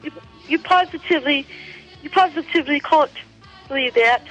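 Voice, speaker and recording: A woman's voice: high voice, normal speed, a bit bright, highs cut off, faint music behind, voice pushed up. A woman putting on an exaggerated mock-British voice, playing a prim posh British lady heading to the pub. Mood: playful mock-posh.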